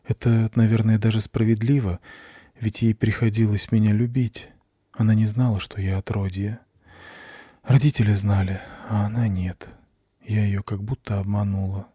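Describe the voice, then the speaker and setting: A man reading the lines of a tormented teenage girl in an audiobook, in a quiet, dull, weary voice. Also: on the low side, little pitch movement, moderate pace, husky, no room sound, studio quality. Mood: hopeless. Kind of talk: audiobook narration.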